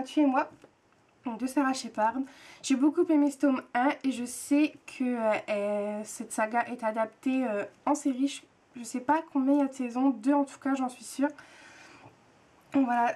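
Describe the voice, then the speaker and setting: A young Frenchwoman who vlogs about books and TV chats casually to the camera in a high, slightly mellow voice. She sounds hesitant, with many fillers and repeated words.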